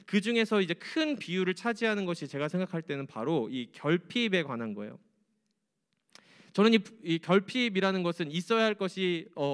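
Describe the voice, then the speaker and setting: A young man preaching to high school students in a church, chatty and joking. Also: fairly bright tone, clean tone. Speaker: youth pastor.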